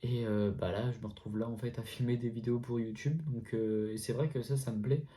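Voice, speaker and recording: A man in his twenties, answering viewer questions in a relaxed, chatty vlog with lots of fillers and slang. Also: mid-range voice, a little fast. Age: 20s. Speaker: YouTuber answering a FAQ. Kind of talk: casual vlog chat. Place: at home, indoors.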